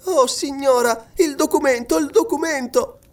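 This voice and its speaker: A man's voice: very high voice, normal speed, pitched above the performer's own voice. A man voicing an anxious young girl who pleads tearfully for news of her father, in an audiobook. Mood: eager. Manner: tearful, imploring. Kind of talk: audiobook reading.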